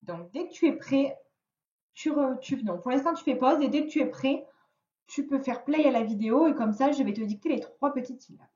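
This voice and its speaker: French-accented woman teacher, slightly high voice, slow dictation, lo-fi echoey recording. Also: animated, darkish tone, recorded from a distance. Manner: slow, deliberate word-by-word dictation. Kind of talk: recorded reading and spelling lesson for a child. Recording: dull lo-fi sound in an echoey room.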